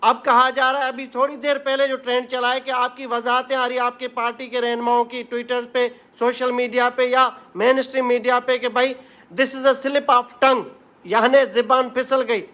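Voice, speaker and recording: A man from Sindh, Pakistan, delivers a heated political address straight to camera. His voice sits very high, with a bright and forceful edge. He hammers his points home and repeats phrases in fiery, rhetorical bursts. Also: little pitch movement, moderate pace, few pauses. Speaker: political commentator.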